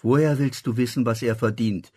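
A man voicing the woman of the house, who is sharp-tongued and protective, in an audiobook. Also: medium pitch, steady tone, slightly rough, close to an everyday voice. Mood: challenging. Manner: indignant, quick to defend.

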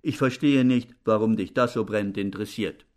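A man voicing a gruff, impatient colonial gentleman. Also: mid-range voice, normal speed, natural voice.

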